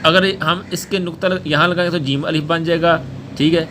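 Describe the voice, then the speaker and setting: Patient male Quran teacher, slow drills. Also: fairly high pitch, fairly even intonation, bright, forceful tone, a little hiss or hum. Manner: patient, repeats letters slowly for pupils to echo. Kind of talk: spoken Urdu lesson.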